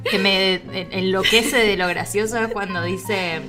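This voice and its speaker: A young woman with a Rioplatense Spanish accent, co-hosting a casual chat, giggly and expressive as she quotes dialogue. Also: medium pitch, unhurried, music in the background. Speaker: podcast co-host.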